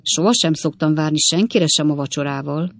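A woman's voice: low-pitched, vocal fry. A woman voicing a hot-tempered, stout old male country host who barks commands in a storybook reading. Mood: blustering. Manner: blustering, commanding.

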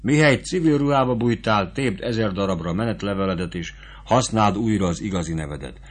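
A man's voice: on the low side, animated. A man voicing a shrewd, bossy army sutler woman who lectures a young soldier in an audiobook. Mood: scolding. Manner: scolding, rapid motherly advice. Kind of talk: audiobook character voice.

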